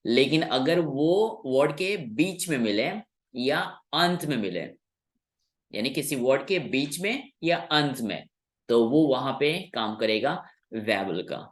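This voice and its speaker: A Hindi-speaking man with a mid-range voice teaches English sounds, patiently explaining in a classroom style and slowly repeating key words.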